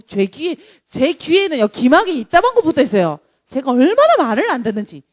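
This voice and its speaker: A woman preaching a sermon in a lively, joking way, now and then acting out dramatic voices. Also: sits high, no echo, clean studio sound. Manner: animated, jokey, acts out dramatic voices.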